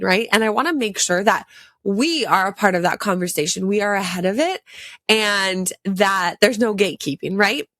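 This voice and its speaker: A woman's voice: medium pitch, a bit bright, no echo, studio quality. A woman hosting a casual solo podcast with a congested, stuffed-up voice, talking with enthusiasm and repeating words for emphasis. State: congested from a sinus infection. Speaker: podcast host.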